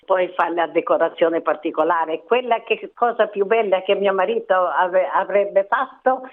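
An older woman from Italy, a radio interview guest telling stories in a lively, rambling way and acting out what people said. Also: medium pitch. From southern Italy. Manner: lively storyteller, acts out quotes, rambling asides. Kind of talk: phone interview, reminiscing. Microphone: telephone. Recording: tinny phone line.

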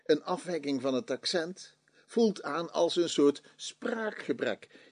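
A man's voice: mid-range voice, darkish tone. A man from the Netherlands delivering a scripted, opinionated radio commentary as a language columnist, full of rhetorical questions.

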